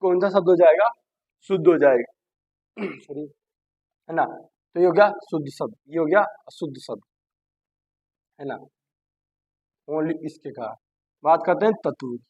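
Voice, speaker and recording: A man's voice: fairly high pitch, unhurried, pauses often, a little mellow, husky, dry recording. A male teacher giving a grammar lesson, who keeps asking "what?" and then answers himself by repeating the word. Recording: dull dry lo-fi sound.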